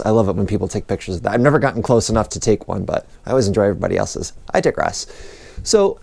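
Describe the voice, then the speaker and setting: A man's voice: on the low side, creaky, a little mellow, dry recording. A man hosting a casual gardening vlog, chatty and enthusiastic, often drifting off topic. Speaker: gardening vlogger. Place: outdoors in a snowy garden for part.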